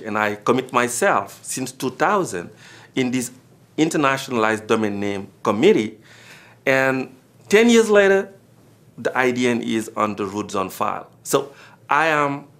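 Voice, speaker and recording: A man's voice: lively intonation, a little slow, a bit bright. Earnest Senegalese man recounting his experience. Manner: earnest, rises in pitch and volume on key points. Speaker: former board director. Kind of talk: recorded personal account.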